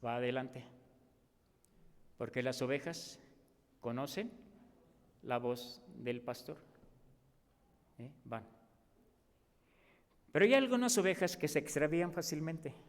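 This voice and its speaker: A man with a Mexican accent preaching a sermon as pastor, animated and acting out the voices he quotes. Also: mid-range voice, takes it slowly, pauses often. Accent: Mexican Spanish. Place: church. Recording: long reverb of a church hall.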